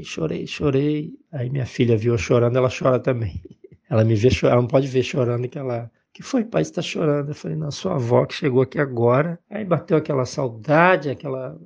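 A man from the Rio gives an informal spiritual class, his voice gravelly and mellow. He talks in a conversational way, leaning on tag questions and heartfelt personal stories. The recording sounds dull and lo-fi. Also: mid-range voice. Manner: conversational, many tag questions, emotional storytelling. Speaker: reverend teaching a spiritual class. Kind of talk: informal spiritual teaching talk.

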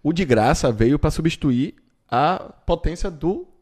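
A man's voice: fairly high pitch, animated, unhurried, darkish tone. A man with a Bahian accent hosting a casual group chat, giving his opinions in everyday slang. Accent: Bahian Brazilian.

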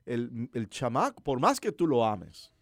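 A male preacher who delivers his sermon like a lively conversation. His pitch rises and falls with a lot of movement, and he keeps turning to the listener with questions. The recording is close and dry, with hardly any room sound. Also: unhurried, no echo. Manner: animated storytelling preacher, asks listeners questions.

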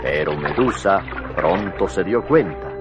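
A man's voice: low-pitched, expressive, unhurried. A man reading scripted story narration as the narrator of a children's tale. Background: music.

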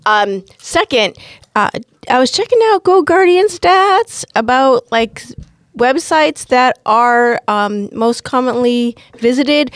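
A woman co-hosting a casual educational podcast, upbeat and chatty as she asks quick questions. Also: sits high, animated, dry recording, clean studio sound. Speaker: podcast co-host.

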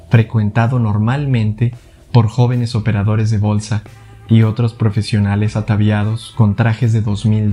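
Dark-voiced man narrating a thriller. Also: fairly low pitch. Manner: steady, deliberate storytelling. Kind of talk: scripted audiobook narration.

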